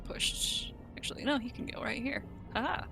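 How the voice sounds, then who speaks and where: A woman narrating as game master of a tabletop game, describing scenes in a measured way. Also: fairly high pitch, vocal fry, over music.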